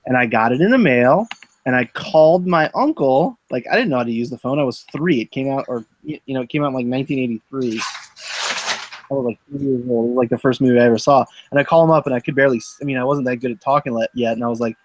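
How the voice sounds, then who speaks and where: A man's voice: mid-range voice, fast talker. A man in his thirties hosting a live online selling stream, chatting casually and rambling through a long childhood story with lots of fillers and restarts. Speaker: host of a live eBay listing stream.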